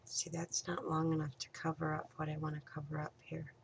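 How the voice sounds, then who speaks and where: A woman's voice: low voice, monotone, brisk, gravelly, background noise. A woman hosting a casual crafting tutorial, chatting and thinking aloud as she works, sometimes dropping to a whisper.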